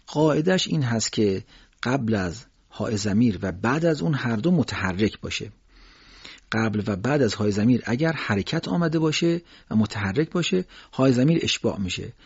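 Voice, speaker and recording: A man teaching recitation rules in a patient lesson, slowly sounding out example words and repeating them. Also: mid-range voice, a little mellow, husky, no echo. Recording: dull lo-fi dry recording.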